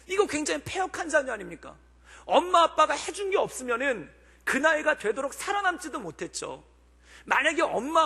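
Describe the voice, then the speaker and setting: Male pastor, sermon; bright, forceful delivery, earnest, rhetorical questions; reverberant church hall. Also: extremely high pitch, gravelly. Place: church sanctuary.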